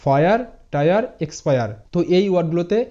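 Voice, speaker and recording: High-voiced man teaching English pronunciation. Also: quick pace, dark tone. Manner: spells words letter by letter, repeats each word; addresses viewers informally, mixing English words into Bengali. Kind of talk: spoken tutorial lesson. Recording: dull lo-fi sound.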